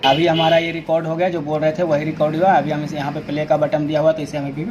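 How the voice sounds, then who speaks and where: Speaking fast in a slightly high monotone, an Indian product reviewer walks viewers through an unboxing step by step, repeating points along the way. The informal video is a clearly noisy amateur recording with the highs cut off.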